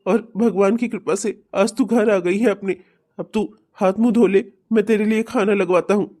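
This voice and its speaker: A woman's voice: mid-range voice, fairly even intonation, moderate pace, mellow, lightly acted. A woman voicing a loving, relieved middle-aged father in a cartoon, speaking tenderly. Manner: tender, pleading. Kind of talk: cartoon voice acting.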